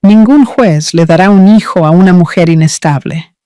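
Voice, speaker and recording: A man's voice: sits high, moderate pace, warm tone, clean tone, no echo, studio quality, close to an everyday voice. A man voicing a cold scheming woman. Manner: commanding, contemptuous.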